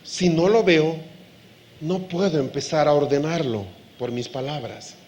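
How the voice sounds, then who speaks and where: A man preaching a sermon as pastor, lively, asking the congregation questions and acting out dialogue. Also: fairly high pitch, a little slow, lo-fi sound, a little hiss or hum. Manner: animated preaching, acts out dialogue.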